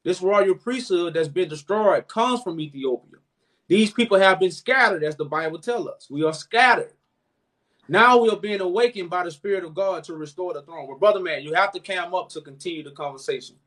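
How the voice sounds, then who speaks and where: A man's voice: sits high, fairly quick, a bit bright. A man hosting a live chat, preaching and explaining at length, calling the listener "brother man". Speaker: host.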